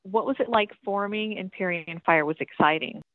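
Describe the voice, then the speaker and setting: Heard through a tinny, phone-like connection with a dry recording and no room sound, a Tennessee woman answers interview questions as a guest. She's a metal band singer with a medium-pitched voice at normal speed, chatty and wandering, dropping ums, asides, and the occasional swear word.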